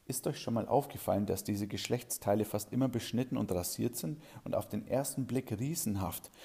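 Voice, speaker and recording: Deadpan man, low mellow voice. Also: a little fast, vocal fry, breathy edge. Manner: dry, sardonic, deadpan. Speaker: schoolteacher. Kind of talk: reading a satirical short story.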